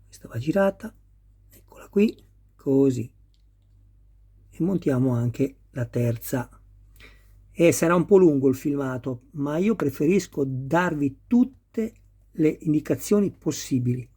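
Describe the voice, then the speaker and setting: Husky Italian-speaking man building a model. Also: on the high side, animated, a little slow, long pauses, warm tone. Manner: patient, talks viewers through each step. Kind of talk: hands-on assembly tutorial.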